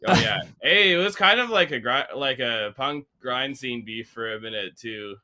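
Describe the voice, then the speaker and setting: A man's voice: mid-range voice, expressive, moderate pace, a crowd in the background. A man from Canada, a drummer guest in a casual interview, talking in a laid-back, modest way full of filler words.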